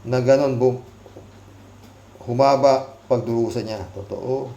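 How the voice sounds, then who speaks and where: A man's voice: mid-range voice, steady tone, takes it slowly, creaky, dark tone, dull audio. A man hosting a casual commentary show, reading out viewer comments with sarcastic, mocking remarks and frequent laughter. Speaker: commentary channel host. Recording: roomy echo.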